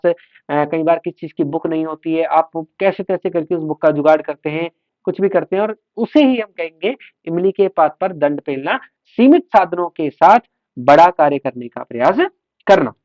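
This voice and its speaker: A man teaching a revision class for exam students, slowly drilling vocabulary and repeating each word for the class. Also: fairly high pitch, no echo. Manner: slow, drills words by repeating them for the class. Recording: slightly dull, lo-fi sound.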